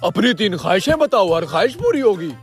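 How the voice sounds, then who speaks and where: A man's voice: high voice, sing-song, quick pace, faint music behind. A man voicing a blue male genie, formal and obliging, who calls his master "aaka" and grants wishes in a hurry. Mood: grand, hurried.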